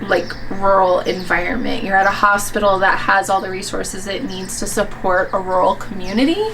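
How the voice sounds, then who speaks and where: A woman's voice: medium pitch, fairly even intonation, normal speed, noisy background. A woman from Alaska, a medical resident, giving an earnest promotional testimonial with frequent "like" fillers.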